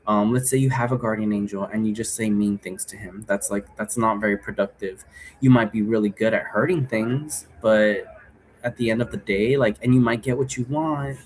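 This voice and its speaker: This occult divination tutorial comes from a male host whose voice is on the low side, steady and at normal speed. He keeps it casual and rambling, repeats points, and frequently checks in with viewers.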